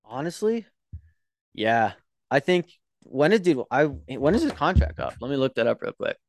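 A young man co-hosting a casual podcast chat, telling animated stories and swearing freely. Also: medium pitch, moderate pace, no echo. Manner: animated storyteller, swears freely, acts out quotes. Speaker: podcast co-host.

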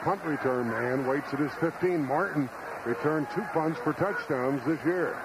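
A man's voice: fairly high pitch, normal speed. An American man doing live football play-by-play in a classic radio announcer manner, in terse descriptive phrases. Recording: noisy stadium radio broadcast. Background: loud stadium ambience and noise.

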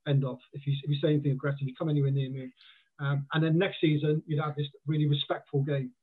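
This Welsh podcast guest, whose accent mixes Welsh and southern English, talks fast in a fairly high, level voice with a breathy edge. It's casual, chatty conversation full of restarts and acted-out quotes, heard over a tinny phone-style line.

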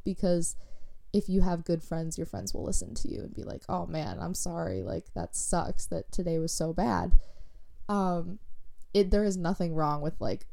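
A woman's voice: fairly low pitch, creaky, dark tone. A young woman hosting her own podcast, talking casually in a rambling, chatty way, full of fillers and self-corrections. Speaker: podcast host. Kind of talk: casual solo podcast talk.

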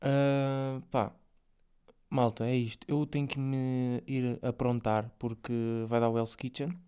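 This is a young man with a European Portuguese accent, rambling through a solo podcast monologue. His speech is loose and slangy, packed with fillers and the odd swear word. His voice is dark and mellow at a middle pitch. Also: flat delivery, takes it slowly, clean tone. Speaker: podcast host.

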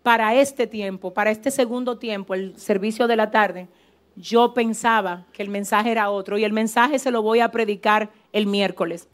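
A woman pastor preaching a fervent, animated sermon in a church service, with asides to the congregation. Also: mid-range voice, normal speed.

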